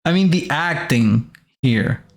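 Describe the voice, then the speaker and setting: A man hosting casual reaction commentary on commercials, halting as he searches for words. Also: mid-range voice, lively intonation, vocal fry, faint music behind. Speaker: host reviewing commercials.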